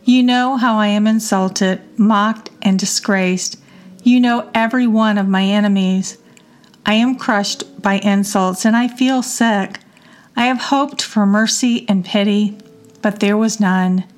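A woman reading psalms aloud in a measured devotional reading. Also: medium pitch, fairly even intonation. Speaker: scripture reader.

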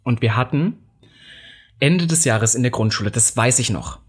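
A man co-hosting a podcast, telling an animated, sweary childhood anecdote in casual chat. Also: mid-range voice, normal speed, breathy edge. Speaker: podcast co-host.

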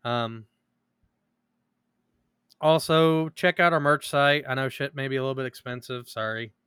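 A man's voice: mid-range voice, a little slow, fairly bright tone, smooth, no echo, studio quality. A man co-hosting a podcast, chatting casually with crude, profane jokes and a rambling, laughing manner. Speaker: podcast co-host.

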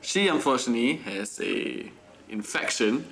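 A man's voice: mid-range voice, lively intonation, normal speed, a bit bright, slight background noise. A young man hosting a casual podcast, laughing often and stumbling through restarts. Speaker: podcast host. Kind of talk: casual chat.

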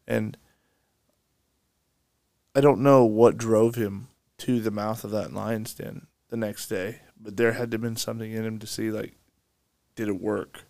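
A man co-hosting a podcast, reading scripture passages aloud and then pausing to comment on them in a casual, restarting way. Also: lowish voice, steady tone, vocal fry, darkish tone, no room sound. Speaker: podcast co-host. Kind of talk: casual Bible study discussion.

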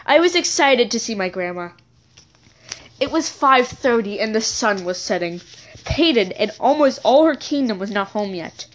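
A woman tells a childhood story in a loose, rambling way, stopping to correct herself and chat with her listeners. Her voice sits high and bounces around a lot in pitch. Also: expressive, moderate pace. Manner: rambling, self-correcting, chatty asides. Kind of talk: casual storytelling episode.

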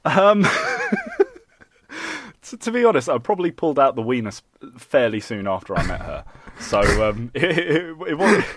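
A man co-hosting a podcast in easy, casual chat, playful and prone to laughter. His pitch swings widely as he tells a story, rising and falling with the punchlines. The sound is dry and close, with no room in it. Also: big pitch swings, normal speed, a bit bright, no echo. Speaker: podcast co-host.

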